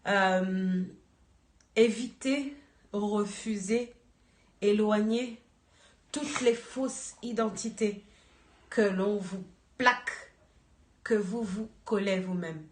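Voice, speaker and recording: Brief: slow, earnest woman exhorting a church group, echoey room. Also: mid-range voice, slight background noise. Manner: slow, earnest, searching for words. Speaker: church member giving an exhortation.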